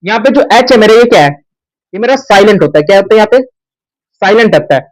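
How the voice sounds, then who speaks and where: A man's voice: high voice, lively intonation, fast talker, poor audio. A young man teaching an English grammar lesson at a board, who asks the class questions and answers them himself.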